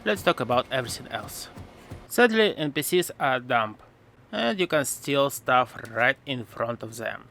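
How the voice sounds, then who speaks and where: Sarcastic male game commentator, bright voice. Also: mid-range voice, very animated, measured pace, gravelly, faint music behind. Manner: mocking, jokey asides. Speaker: gaming video essayist.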